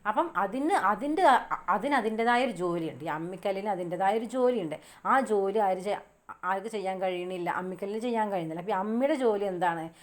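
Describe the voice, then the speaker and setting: A woman's voice: medium pitch, expressive. Woman teaching a poem. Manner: asks the class questions and answers them herself; reads verse lines slowly. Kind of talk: lesson explaining a poem.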